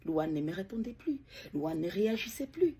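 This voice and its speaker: In a mellow, breathy, sing-song voice of medium pitch, a bereaved middle-aged woman gives an emotional account of her loss. Her speech is tentative, broken by many pauses and repeated words.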